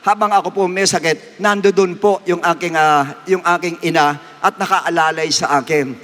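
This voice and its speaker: A man's voice: fairly even intonation, moderate pace, a bit bright. A man, a pastor, preaching a sermon with emotion, pushing his voice up for emphasis. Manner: emotional, rising to emphatic high pitch. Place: church worship service. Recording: long echo of a church hall.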